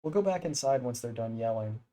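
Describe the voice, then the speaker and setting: Guy reading out a soft apologetic schoolgirl club president, gentle and even. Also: medium pitch, brisk, close to an everyday voice, low-quality recording. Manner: gentle, apologetic, read aloud from screen.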